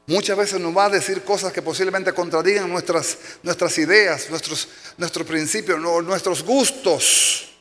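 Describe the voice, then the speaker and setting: Animated pastor preaching in a hall. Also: male voice, high voice, normal speed, hardly any pauses. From Dominican Republic. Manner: animated storytelling, acting out shouts and cries. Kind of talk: sermon. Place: church sanctuary. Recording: long hall reverb.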